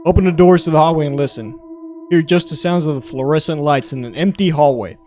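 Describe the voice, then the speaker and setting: A man's voice: fairly high pitch, fairly quick, a little mellow, soft background music. A young adult man hosting a podcast, casually reading online stories aloud in a crude, joking way. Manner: crude, joking, reads in clipped green-text style. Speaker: podcast host.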